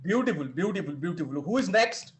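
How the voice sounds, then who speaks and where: A man's voice: sits high, very slow. A man with an Indian accent teaching a children's online acting class over a video call. He acts out the laughs as he explains them. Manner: animated, demonstrating laughs. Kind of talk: online class, mixing Hindi and English.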